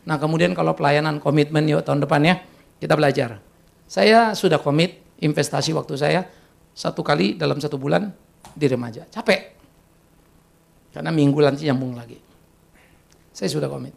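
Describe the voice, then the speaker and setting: A middle-aged man, preaching a lively, joking sermon to young people as a pastor. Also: fairly high pitch, moderate pace, creaky, long pauses. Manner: lively, joking, acts out quoted voices in Jakarta slang. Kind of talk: sermon to youth.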